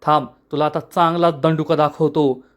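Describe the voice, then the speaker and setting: A man's voice: fairly high pitch, steady tone, normal speed, lightly acted. A man voicing an angry, bullying male police inspector who talks rudely and threatens. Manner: rude, threatening.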